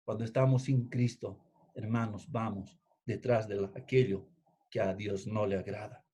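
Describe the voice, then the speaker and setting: A man preaching a sermon, emphatic, repeating key phrases and swinging between loud and hushed delivery. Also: lowish voice, steady tone, normal speed, husky. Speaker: pastor.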